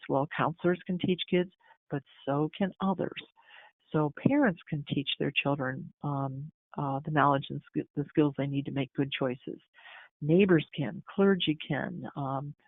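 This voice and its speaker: An American man talks through a training webinar for school counselors, casual and full of fillers and restarts. His voice sits a bit high for a man. The audio is dry and narrow, like a phone call. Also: no room sound. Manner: conversational, many fillers and restarts. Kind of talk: instructional webinar talk.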